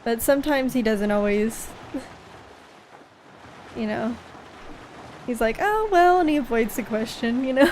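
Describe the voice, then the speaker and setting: A woman's voice: fairly high pitch, slow, pauses often, a little mellow, slight background noise. A young adult woman chatting casually while streaming a video game, rambling and often giggling. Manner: giggly, rambling, frequent laughs. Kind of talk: casual gameplay chat.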